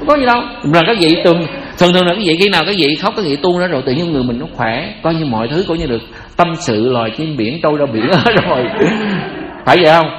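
Slightly high, fast, and a bit bright, a Southern Vietnamese-accented man delivers a Buddhist sermon in an echoey hall. The teacher's style is playful and talkative, full of rhetorical questions for his audience.

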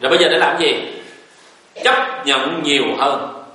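Man, dharma talk, joking manner, somewhat high voice, roomy echo, faint hiss. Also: measured pace, pushed and bright. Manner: folksy, joking, rising and falling emphasis. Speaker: Buddhist teacher. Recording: echoey room, voice from a distance, faint hiss.

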